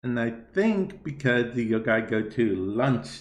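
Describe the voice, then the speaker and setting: A man hosts a casual podcast, asking his guest questions in an easygoing tone. He speaks unhurriedly, drawing his words out, and the room around his mic gives his voice a clear echo. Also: medium pitch, big pitch swings, unhurried, a little hiss or hum. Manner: easygoing, asks questions, laughs along. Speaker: podcast host. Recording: echoey room.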